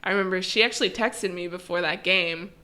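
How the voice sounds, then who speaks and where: A young woman in her twenties, a guest on a podcast, chatting casually and calmly with lots of "like" fillers. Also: lowish voice, fairly quick, clear, resonant tone. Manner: relaxed, calm, with frequent "like" fillers. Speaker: guest, professional volleyball player.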